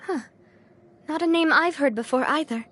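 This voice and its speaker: A woman's voice: high-pitched, moderate pace, a bit bright, slight background noise. A woman voicing a game character, thoughtful and questioning. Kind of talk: game dialogue.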